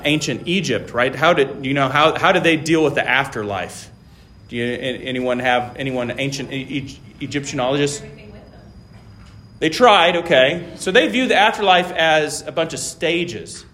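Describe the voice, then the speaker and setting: Man from Taiwan, lecturer. Casual, halting class talk full of "um" and "right?", mid-pitched, faint room noise. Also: fairly bright tone. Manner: halting, many fillers and restarts, checks in with "right?".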